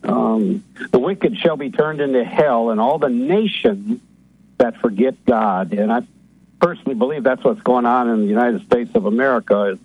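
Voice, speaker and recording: A male caller on a tinny phone line, talking haltingly with many fillers and restarts. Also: mid-range voice, husky, dry recording. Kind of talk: call-in radio talk.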